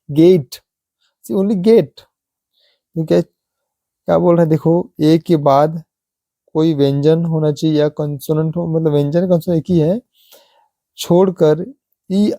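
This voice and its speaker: A man teaching English pronunciation, repeating example words slowly and asking rhetorical questions. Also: fairly high pitch, warm tone, no echo. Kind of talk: slow classroom explanation.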